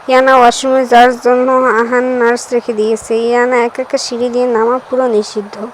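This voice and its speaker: A woman reads a romance novel aloud in a high voice that barely moves in pitch. Her delivery is steady and even, the pace of a practiced audiobook reader. A faint background hiss can be heard. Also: poor audio. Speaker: audiobook narrator.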